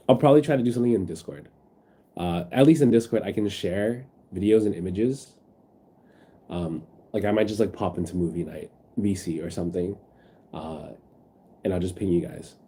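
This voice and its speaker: Streaming from his phone while sick and sniffling, a man rambles in casual chat and reads his viewers' messages aloud, full of fillers. His voice is lowish, dark and husky.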